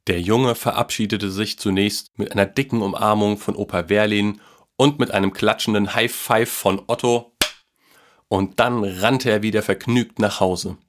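A man reading a children's Christmas story aloud, in a calm, even storytelling manner. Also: fairly low pitch, moderate pace.

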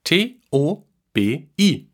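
A man voicing a curious, excited young boy who spells words out slowly. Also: fairly high pitch, voice pushed up, exaggerated voice. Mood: guessing eagerly.

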